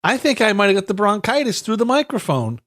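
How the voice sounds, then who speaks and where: A podcast co-host with a high, fairly bright voice talks fast and very animatedly, sounding stuffed up and slightly raised. He rambles through casual banter, swearing freely, stumbling over restarts, and laughing often, with a loose, chatty tone.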